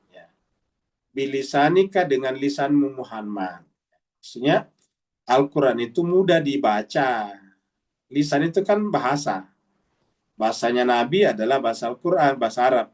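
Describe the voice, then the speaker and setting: Lively-voiced man teaching Quran verses. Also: a little high. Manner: explains slowly, stretches recited Arabic phrases, frequent "ya" checks; points to the text while teaching. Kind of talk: mosque study sermon. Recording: voice a bit far from the mic.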